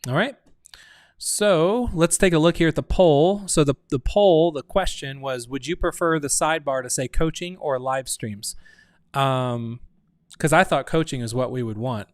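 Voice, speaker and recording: A man's voice: a little high, unhurried, dry recording, clean studio sound. A man hosting a casual live stream for his online community, rambling and thinking aloud, often restarting his sentences. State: hiccuping. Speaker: community host.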